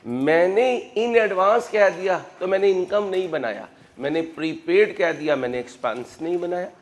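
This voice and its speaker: A man with a Pakistani Urdu accent giving an animated accounting lecture, calling students "beta" and acting out their objections. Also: high-pitched, moderate pace. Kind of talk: classroom lecture.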